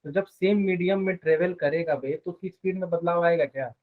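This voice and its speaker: A man's voice: high-pitched, brisk. A man teaching physics in a live online class. He explains step by step and keeps asking the students short questions. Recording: phone-like narrow sound.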